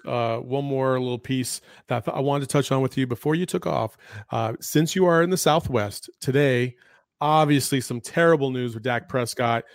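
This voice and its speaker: A man hosting a casual sports podcast, chatty and relaxed with frequent fillers and restarts. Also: mid-range voice, dry recording, clean studio sound. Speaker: podcast host.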